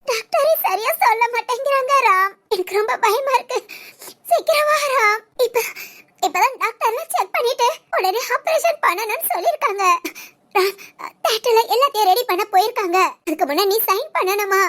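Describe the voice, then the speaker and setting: A woman's voice: extremely high pitch, animated, normal speed, fairly bright tone. A woman voicing a panicked young woman who is crying and pleading urgently in an amateur audio drama.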